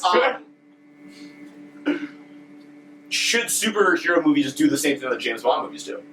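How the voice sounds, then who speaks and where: Halting young man, animated pitch. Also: recorded from a distance. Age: young adult. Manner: halting, searching for words. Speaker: podcast co-host. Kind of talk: casual chat. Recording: roomy, mic set back, faint hum.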